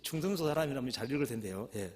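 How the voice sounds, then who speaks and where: Male pastor reading scripture slowly. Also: medium pitch, expressive. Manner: reads scripture slowly and emphatically, then explains in plain talk.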